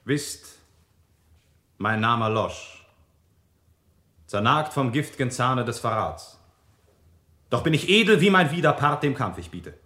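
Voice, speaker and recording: Solemn accusing knight, bright forceful voice, roomy echo, theatrical radio play. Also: male voice, medium pitch, lively intonation, slow, long pauses. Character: noble, righteous knight challenger, solemn and accusing. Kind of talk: classic radio play acting, theatrical verse.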